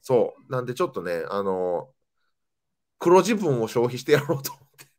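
A man's voice: mid-range voice, normal speed. A young man, a comedian chatting as host and telling stories with lots of animation. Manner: animated storytelling, voice jumping up and down. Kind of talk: casual chat.

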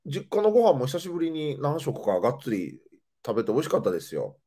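A man from Nara with a Kansai accent, hosting a casual chat and telling stories in an animated, expressive way. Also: medium pitch, quick pace. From Nara, Japan. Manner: animated, expressive storytelling with laughter. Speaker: host.

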